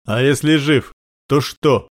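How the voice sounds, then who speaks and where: A man's voice: medium pitch, slow, natural voice. A man doing a crude mocking thug guard. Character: male gangster guard, crude and menacing.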